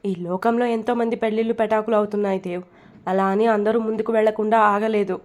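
A woman's voice: medium pitch, fairly even intonation, fast, lightly acted. A worried middle-aged mother, scolding and insistent as she argues with her son, voiced by a woman reading an audio story. Her voice sits in a middle register.

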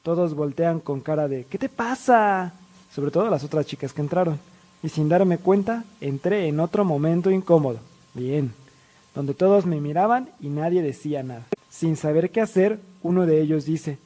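Man, young, high-pitched, mellow tone, animated storytime, self-mocking. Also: normal speed. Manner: lively, self-mocking, acts out other people's lines.

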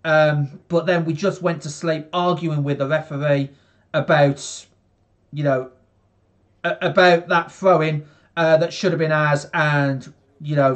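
A young man from England commentating casually on a football match for a live stream, rambling with many fillers and talking to viewers in the chat from his bedroom on a headset. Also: on the high side. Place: small bedroom.

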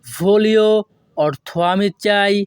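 A man giving a scripted language lesson, saying example phrases slowly and repeating them piece by piece. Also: sits high, smooth, dry recording, clean studio sound. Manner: slow, syllable-by-syllable repetition of example phrases. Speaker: language teacher.

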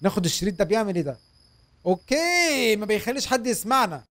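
A young man with an Egyptian Arabic accent giving excitable, joking let's-play commentary as a gaming host, talking to viewers. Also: sits high, quick pace.

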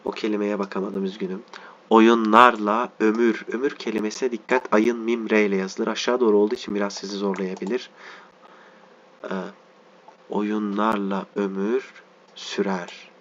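A man teaching a reading lesson, reading slowly word by word and stopping to spell out letters and explain meanings. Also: fairly low pitch, fairly even intonation, fairly bright tone, lo-fi sound.

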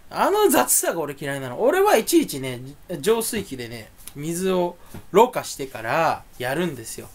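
A young man rambling alone to his audience, grumbling and ranting with sudden loud bursts. His pitch leaps around in a lively, animated way, and his voice has a naturally angry edge. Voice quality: voice sounds angry even when not. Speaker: streamer. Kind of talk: solo rambling monologue.

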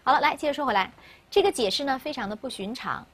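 A woman's voice: high voice, animated, fast talker, fairly bright tone. A woman teaching an English grammar lesson in Mandarin, a native Mandarin speaker who asks her class questions and answers them herself. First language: Mandarin Chinese.

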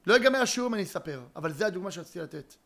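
Rabbi, high pitched guy, tells stories in a lesson, swings from quiet to loud. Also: gravelly. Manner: animated storyteller, dramatic pauses and sudden emphasis. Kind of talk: Torah lecture with storytelling.

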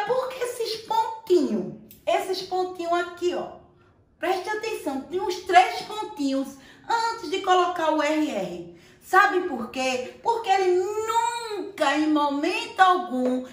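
A Brazilian woman teacher giving a playful, affectionate lesson to young children. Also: very high-pitched. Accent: Brazilian Portuguese. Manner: playful, affectionate, sing-song teacher talk. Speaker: primary school teacher. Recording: echoey room, voice a bit far from the mic.

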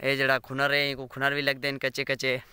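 A man's voice: mid-range voice, completely flat delivery, a little fast, sharp tone, smooth. Chatty Saraiki man vlogging in the fields. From Pakistan. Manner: rambling, chatty, keeps asking viewers to subscribe. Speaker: village vlogger. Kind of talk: casual walking vlog. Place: outdoors among farm fields. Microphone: phone camera.

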